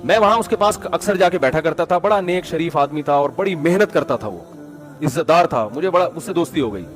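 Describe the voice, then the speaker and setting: A man gives moral advice by telling stories, talking conversationally and often calling his listeners "brother." His voice is on the high side and animated, with faint music in the background.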